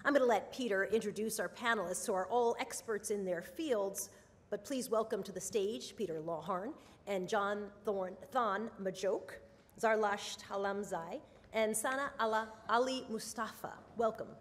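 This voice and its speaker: A woman hosting a conference event, introducing a panel from a podium. She speaks briskly at a mid pitch in an announcing tone. Long hall reverb trails her voice. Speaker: event host. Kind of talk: stage introduction.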